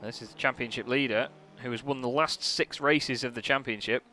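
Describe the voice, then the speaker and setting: A man giving live sim racing commentary as a motorsport commentator, casual, chatty and excitable. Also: mid-range voice, a little fast. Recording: noisy, car engine sound behind. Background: racing car engines.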